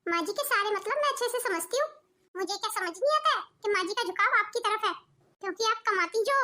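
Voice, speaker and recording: Sulky sarcastic cartoon daughter-in-law, very high shrill voice, bright tone, lazy and resentful, a woman doing her. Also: expressive, fairly quick, heavily acted. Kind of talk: cartoon voice acting.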